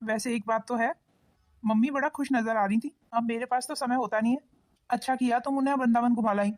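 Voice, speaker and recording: Woman voicing a cartoon husband, lecturing, quick talker, slightly high voice. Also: fairly even intonation, lightly acted. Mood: warm. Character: husband, a grown son of the family.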